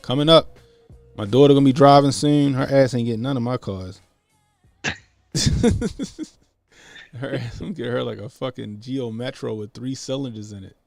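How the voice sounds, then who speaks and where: A podcast host in his late thirties from the Baltimore area with a gravelly edge to his voice. He spins loose, profane stories in an easygoing way, and faint music plays underneath. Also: medium pitch, fairly even intonation, moderate pace, pauses often, no echo. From Baltimore area, USA. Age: 30s. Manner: profane, laid-back storytelling. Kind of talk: casual podcast chat.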